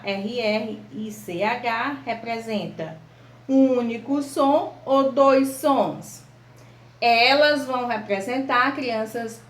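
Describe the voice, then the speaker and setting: A Brazilian woman teaching primary school children an online lesson, slow and patient, spelling out letters and examples. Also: on the high side, a bit bright. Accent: Brazilian Portuguese. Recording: echoey room.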